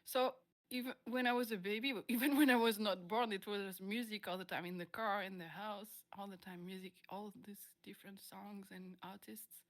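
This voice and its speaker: A woman's voice: mid-range voice, steady tone, normal speed. A woman from France, a native French speaker, chatting casually in an interview about her music and laughing often as she searches for English words.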